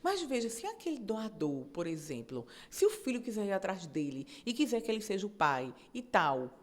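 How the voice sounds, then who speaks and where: Lively, explanatory woman judge being interviewed. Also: medium pitch, normal speed. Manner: animated, explanatory, tag questions. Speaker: judge and guest. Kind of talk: conversational interview.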